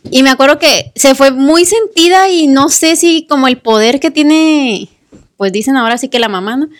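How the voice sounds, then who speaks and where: High woman, lively casual storyteller who acts out voices. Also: moderate pace. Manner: animated, acts out family voices, laughs often. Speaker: podcast co-host telling a story.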